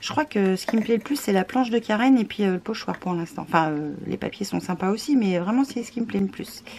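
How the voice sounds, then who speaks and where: A woman's voice: mid-range voice, fast talker, darkish tone, a little hiss or hum. A tired woman describing scrapbooking papers in casual unboxing commentary, with hesitant talk, many fillers and self-deprecating asides. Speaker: scrapbooking vlogger.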